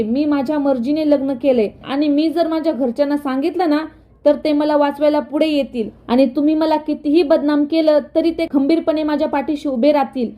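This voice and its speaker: A woman's voice: sits high, close to an everyday voice. A woman reading the lines of a desperate, trapped young wife, distraught and crying out. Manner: shouting, distraught. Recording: dull lo-fi recording.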